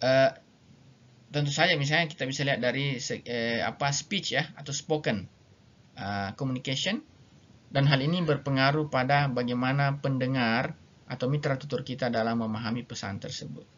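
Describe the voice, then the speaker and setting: A man delivers a recorded lecture at a middle pitch, working through his points slowly with frequent fillers and repeated phrases. He reads English example sentences aloud and then explains them. The audio is somewhat dull and lo-fi. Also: a bit bright, slight background noise.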